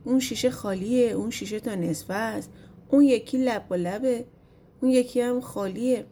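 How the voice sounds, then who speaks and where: A woman's voice: fairly high pitch, mellow, a little hiss or hum, lightly acted. A woman reading a storybook voices a curious, stubborn bald shepherd who pleads and pries. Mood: pleading. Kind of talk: storybook narration.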